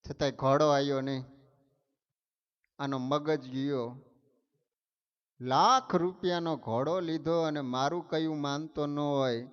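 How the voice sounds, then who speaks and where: A male preacher tells a story in his sermon. He speaks in an animated way, with dramatic emphasis. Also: a little high, clear, resonant tone. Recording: dull sound, long hall reverb.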